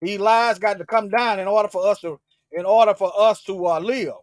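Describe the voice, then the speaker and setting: Fervent high-voiced man preaching live. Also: fairly even intonation, brisk, dry recording, clean studio sound. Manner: fervent, repetitive, with frequent restarts; swings between loud emphatic bursts and low asides. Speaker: online Bible teacher. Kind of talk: livestreamed preaching.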